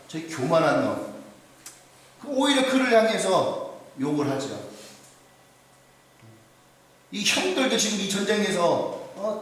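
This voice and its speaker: A male pastor from South Korea delivering an animated sermon in a church, often asking the congregation questions. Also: high voice. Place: church sanctuary. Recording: very echoey hall, distant mic.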